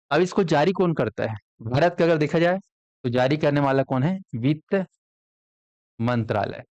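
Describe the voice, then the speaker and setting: A man's voice: fairly high pitch, darkish tone, no room sound, dull audio. A man teaching an exam coaching class, constantly asking his students questions and answering them himself. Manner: quizzes students with frequent call-and-response questions. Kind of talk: classroom lecture.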